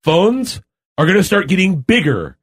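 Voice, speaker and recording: A man's voice: high-pitched, big pitch swings, moderate pace, breathy edge. A man co-hosting a podcast in casual, joking chat with friends. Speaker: podcast co-host.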